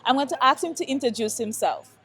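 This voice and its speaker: Higher-pitched woman interviewing on location. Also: quick pace, a bit bright. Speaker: host interviewing vendors. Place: outdoor public market.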